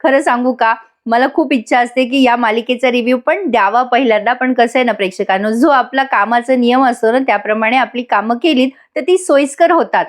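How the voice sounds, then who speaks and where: A woman's voice: fairly high pitch, fairly quick, hardly any pauses. A woman giving a chatty voice-over recap of a TV serial, laughing often and talking to her viewers. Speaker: TV serial reviewer.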